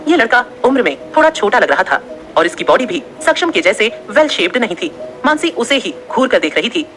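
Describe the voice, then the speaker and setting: A woman narrating an audio story in an expressive, steady storytelling manner. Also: fairly high pitch, a little fast, a little hiss or hum.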